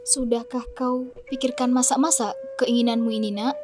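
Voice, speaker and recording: A woman playing a tender, resigned aging village mother in a radio drama, speaking gently and formally. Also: on the high side, steady tone, normal speed, background noise, natural voice. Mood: worried. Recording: music bed behind the voice.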